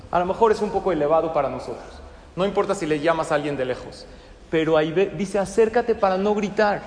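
Lively high-pitched man lecturing a class, long hall echo. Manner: lively, acts out parents and children. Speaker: parenting class teacher. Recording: echoey hall with faint noise.

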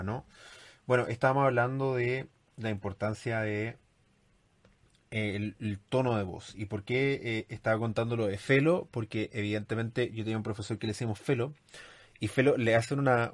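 A man's voice: mid-range voice, dry recording. A man hosting a podcast, giving casual sales advice in a chatty way with many fillers and asides. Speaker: podcast host.

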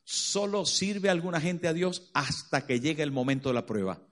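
High-voiced male preacher. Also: expressive, normal speed, a bit bright. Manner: dramatic, asks the congregation rhetorical questions. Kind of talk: sermon.

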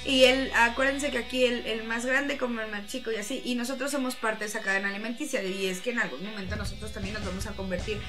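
A young woman with a Mexican accent, co-hosting a casual podcast chat, slangy and animated, laughing often. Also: on the high side, fast, few pauses, music in the background. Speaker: podcast co-host.

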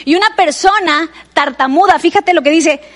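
A woman's voice: very high voice, moderate pace. A woman with a Mexican Spanish accent preaching a sermon in a conversational way, often turning to address the listener directly.

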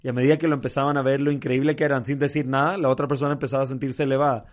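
A man's voice: mid-range voice, little pitch movement, racing. A man with a Mexican accent talking casually in conversation, swearing lightly and telling jokes. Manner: casual storyteller with slang, acting out voices in jokes.

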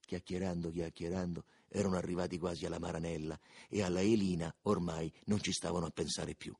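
A man narrating a literary audiobook in a measured, expressive reading. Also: on the low side, slightly rough. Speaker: audiobook reader.

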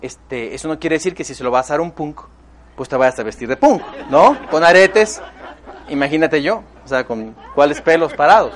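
Mexican guy pumping up a crowd at a seminar, high voice, really emphatic. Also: moderate pace. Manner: energetic, emphatic, addresses the audience directly. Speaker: motivational speaker. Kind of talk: motivational seminar talk.

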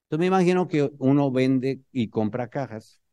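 With a Mexican accent, a man tells an audience a humorous story in an animated, motivational speaking style. His voice is medium in pitch at a moderate pace, recorded at studio quality with no room sound.

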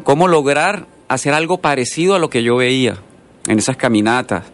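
A man's voice: medium pitch, a little fast, fairly bright tone. A man from Colombia, a guest artist in a radio interview who tells long stories full of asides. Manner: storytelling, rambling with asides. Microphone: studio microphone.

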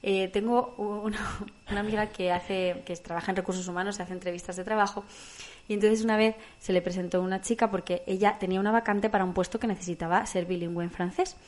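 A woman with a Spain Spanish accent, chatting casually as a co-host and telling lively anecdotes. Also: mid-range voice, quick pace. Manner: lively storyteller, acts out quoted voices. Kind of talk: casual chat.

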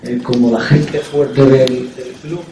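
A man, a football coach, answering at a press conference in a halting way, often repeating words and filling pauses with "eh". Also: medium pitch, fairly even intonation, dark tone, a little hiss or hum. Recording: echoey room, distant mic.

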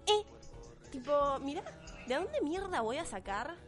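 A teenage girl with an Argentine accent and a high voice delivers a blunt, sarcastic rant straight to her viewers. She swears freely and mocks her critics. Faint music plays underneath. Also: very animated, unhurried. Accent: Argentine Spanish. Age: teens. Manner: blunt, profane, sarcastic ranting. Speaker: vlogger. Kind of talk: opinion rant to camera.

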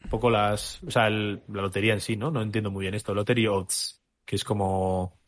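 A man's voice: on the low side, level tone, a little fast. Musing basketball fan, man. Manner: musing, hesitant, restarts often. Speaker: podcast co-host. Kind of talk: casual podcast chat.

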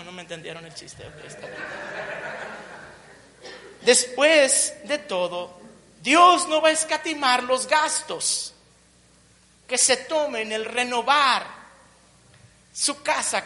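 A woman's voice: high voice, bright, forceful tone. A woman preaching a sermon, building emphatic repeated phrases and tossing in joking asides. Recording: long reverb of a large hall.

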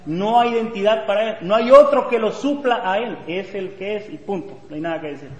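A man leads a parish Bible class, explaining patiently and repeating key phrases, sometimes acting out the dialogue he quotes. His voice sits fairly high for a man. He is recorded in an echoey church hall with a long reverb tail. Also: fairly quick. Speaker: Bible course teacher. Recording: echoey hall, faint background noise.

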